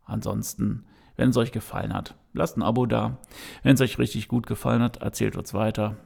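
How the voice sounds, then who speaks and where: Brisk and steady, this man's medium-pitched voice is creaky and somewhat dark as he hosts a podcast. He talks directly to listeners off the cuff, full of fillers and false starts, but his sincerity holds.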